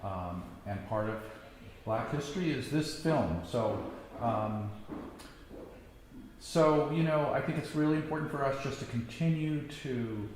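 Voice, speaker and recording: A man in his sixties giving a reflective personal talk, halting with many ums and restarts. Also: mid-range voice, a little mellow. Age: 60s. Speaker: guest speaker. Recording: echoey hall, faint background noise.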